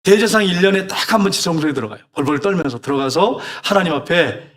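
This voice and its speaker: A man's voice: high voice, lively intonation, quick pace, fairly bright tone. A middle-aged male pastor preaching a sermon, exhorting the congregation with scolding rhetorical questions.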